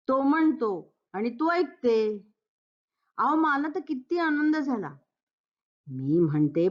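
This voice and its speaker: A woman's voice: fairly high pitch, lo-fi sound. A woman voicing a fussy, self-righteous older mother-in-law who scolds and preaches, in a Marathi play reading.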